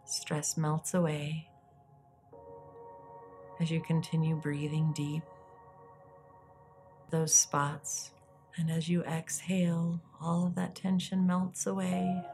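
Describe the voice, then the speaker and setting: Low, slow woman guiding a soft meditation. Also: gravelly. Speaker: guided meditation podcast host.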